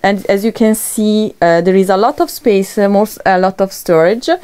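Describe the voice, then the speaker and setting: Young woman, warm and smooth, halting English, boat tour guide in a cabin. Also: mid-range voice, steady tone. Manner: halting, searching for English words. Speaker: boatyard representative. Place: inside a sailboat cabin.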